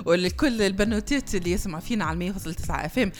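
A woman's voice: medium pitch, animated, racing. Tunisian woman radio host; rattles along at top speed, playful and teasing with callers. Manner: chatty, teasing, laughs often. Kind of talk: casual chat with a young caller on air.

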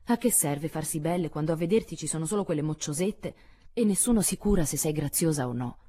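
A woman's voice: sits low, expressive, a little fast, warm tone, breathy edge. A woman reading an audiobook voices Meg, a sulky teenage girl longing for luxury, in a complaining, plaintive way.

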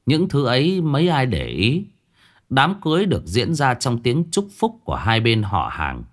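A man narrating a ghost story in a colloquial, vivid way, with crude asides. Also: mid-range voice.

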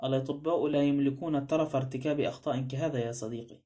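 A man's voice: medium pitch, steady tone, fast talker, mellow, lightly acted. A man voicing a touchy, cold male doctor in an audiobook drama, answering curtly and defensively. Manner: curt, cold.

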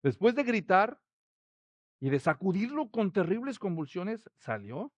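A man preaching a sermon, expressive and rising to loud, emphatic quotes. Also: sits high, a little slow, dry recording, muffled recording.

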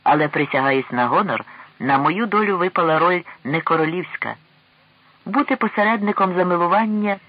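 A man's voice: on the high side, moderate pace, dull audio. A man voicing a noble, gallant king in an audiobook, speaking in a courtly, exclaiming manner, raised above his narrating voice. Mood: exuberant. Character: noble, warm-hearted young king, gallant.

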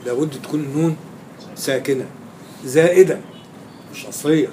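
A man with an Egyptian Arabic accent lectures on grammar in a classroom, quizzing his students and repeating key words for emphasis. His voice is fairly high and dark-toned, his pace moderate, with slight background noise.

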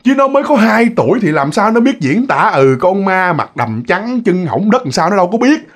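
A man's voice: sits high, moderate pace. A man telling a ghost story in a chatty style, talking straight to his listeners. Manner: chatty, addresses listeners directly, lively. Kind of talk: casual spoken storytelling.

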